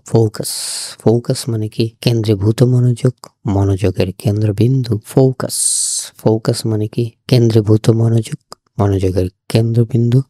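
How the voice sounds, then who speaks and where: A man, teaching English vocabulary in a slow, repetitive lesson and repeating each word and its meaning with care for pronunciation. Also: on the low side, warm tone, no echo, clean studio sound.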